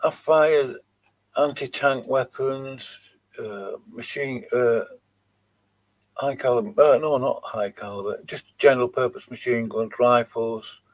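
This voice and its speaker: A man's voice: mid-range voice, measured pace. A man hosting his channel, mocking and dismissive as he comments on video clips he plays. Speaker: channel host reacting to videos. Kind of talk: live commentary on played clips.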